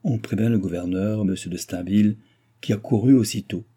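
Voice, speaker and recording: An earnest young officer, as a male narrator plays him, recounts events respectfully. The voice stays low, dark and husky. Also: fairly quick.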